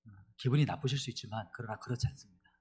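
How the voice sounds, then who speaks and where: A middle-aged male pastor giving an animated sermon, leading the congregation in reading scripture aloud. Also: medium pitch, rapid-fire, husky.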